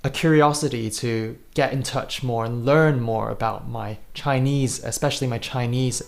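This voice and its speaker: A man's voice: medium pitch, steady tone, normal speed, vocal fry. A man in his thirties from Singapore, an interview guest telling his story in an earnest, thoughtful way with frequent restarts. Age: 30s. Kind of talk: reflective personal storytelling.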